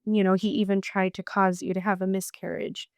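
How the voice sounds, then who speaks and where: A woman's voice: medium pitch, little pitch movement, brisk, clean tone, dry recording, studio quality. A woman hosting a podcast, listening closely and chiming in to affirm her guest. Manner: attentive, affirming with frequent murmurs. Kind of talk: casual chat, supportive listening.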